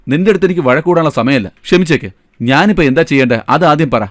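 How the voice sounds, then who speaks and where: A man's voice: fairly high pitch, expressive, rapid-fire, dry recording, studio quality, lightly acted. A man dubbing a young shop owner who soothes his girlfriend, in film dialogue. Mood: coaxing. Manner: coaxing, soothing. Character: young male shop owner and lover, eager to please. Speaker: dub actor.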